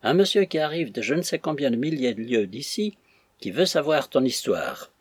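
A man voicing a gentle, modest young woman who speaks softly and tenderly. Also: mid-range voice, sing-song, moderate pace, husky, dry recording. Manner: soft and tender.

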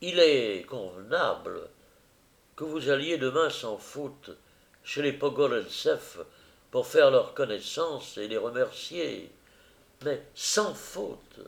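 A man voicing an irritable, quick-tempered gentleman who speaks loudly and sharply. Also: mid-range voice, expressive, creaky. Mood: irritated.

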